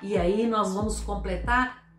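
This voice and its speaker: A woman's voice: medium pitch, fairly even intonation, measured pace. A woman teaching an online grammar lesson, patiently asking the viewer questions and spelling out syllables. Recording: roomy echo with faint music.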